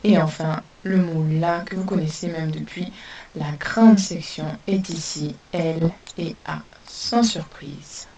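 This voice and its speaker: A woman teaching a spelling lesson to young pupils, dictating words slowly and sounding out each letter. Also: deep voice, steady tone, dark tone. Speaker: primary school teacher. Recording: distant mic with faint hiss.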